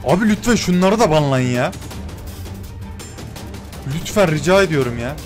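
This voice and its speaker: A young man commentating his own Minecraft gameplay, excitable and quick to get annoyed at his teammates. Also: on the high side, faint music behind. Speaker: gaming YouTuber. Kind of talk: Minecraft let's-play commentary.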